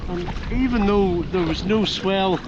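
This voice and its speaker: Older male vlogger, Ulster accent, slightly high-pitched, easygoing explainer, recorded outdoors with clear background noise. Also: a little slow, dull audio. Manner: easygoing, explanatory, with homely dialect words. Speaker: kayaking vlogger. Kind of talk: casual chat to camera while out kayaking. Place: outdoors by a slipway and on the sea in a kayak.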